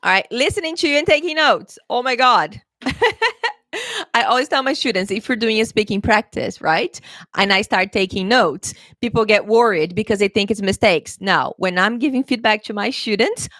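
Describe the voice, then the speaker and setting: Her voice is a little high, expressive and a bit bright at normal speed, with no echo. She's a woman English teacher leading a live exam-prep lesson, chatting, encouraging and checking in with viewers, with frequent laughter and playful pet phrases.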